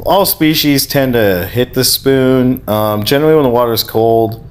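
A man reads a voice-over in a calm, practical manner, explaining each step plainly. His voice sits at a middle pitch for a man. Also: normal speed. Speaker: fishing vlogger.

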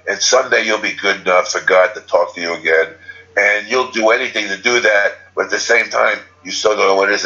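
In a muffled recording, a teacher speaks off the cuff on spiritual matters. His voice sits low with a sharp edge, and his talk wanders, full of restarts and self-corrections.

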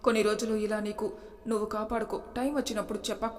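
A woman voicing a kindly, protective older maid who gives gentle advice, close to her own voice. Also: mid-range voice, flat delivery, quick pace, natural voice. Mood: consoling. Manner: gentle, advising. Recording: long reverb.

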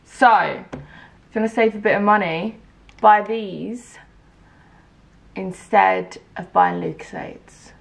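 Gravelly young woman chatting. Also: medium pitch, slow pace, pauses often. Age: 20s. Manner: chatty, rambling asides. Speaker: reaction video host. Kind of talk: casual chat.

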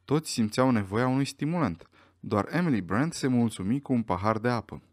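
A man narrating a mystery audiobook in an expressive, dramatic way. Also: mid-range voice, dry recording, studio quality.

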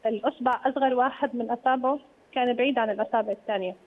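A woman's voice: a little high, steady tone, racing. A woman with a Levantine accent calling in over a narrow phone line, casually recounting something. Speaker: phone-in caller. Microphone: telephone.

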